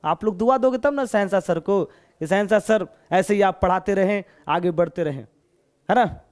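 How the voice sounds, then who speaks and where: High-pitched Bihari Hindi teacher, joking. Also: male voice, moderate pace, a little mellow, smooth. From Bihar, India. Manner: chatty, joking, coaxing students. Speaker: English teacher. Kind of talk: live online class.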